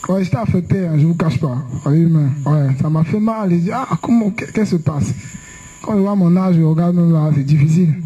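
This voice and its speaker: A man's voice: on the high side, fairly quick, few pauses, warm tone, slightly rough, highs cut off. A young man preaching a conversational sermon, telling personal stories and asking rhetorical questions.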